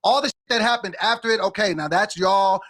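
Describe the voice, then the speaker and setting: High-pitched man arguing his point. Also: a little fast, a bit bright, dry recording, studio quality. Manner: explains patiently, argumentative. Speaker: podcast co-host. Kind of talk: casual debate.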